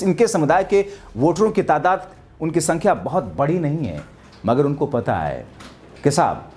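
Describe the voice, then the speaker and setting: A man runs a political commentary monologue, sarcastic and combative. His voice sits a little high and swings widely as he hammers home rhetorical questions. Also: darkish tone.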